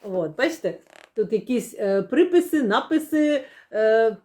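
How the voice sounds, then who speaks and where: A young woman talks casually to the camera as she unboxes new books. Her voice sits a little high, and she rambles playfully, fills pauses with hesitations and laughs often. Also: lively intonation, a little mellow. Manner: chatty, many fillers, laughs often, playful. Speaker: book vlogger. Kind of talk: casual book unboxing chat.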